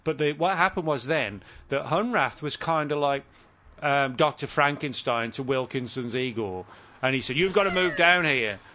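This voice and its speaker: A man with a medium-pitched, fairly bright voice speaks at normal speed as an author guest on a casual talk show. His storytelling is long and rambling, and he keeps stopping to correct himself.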